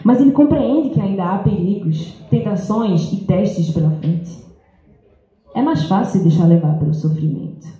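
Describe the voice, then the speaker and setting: A woman's voice: medium pitch, animated, measured pace, mellow. A young woman from Brazil and France reads a reflective personal talk to a school audience, holding a handheld mic. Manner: earnest, reflective, reads from paper. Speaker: speaker giving a school talk. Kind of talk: reading a personal talk aloud. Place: large school hall, indoors. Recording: very echoey hall.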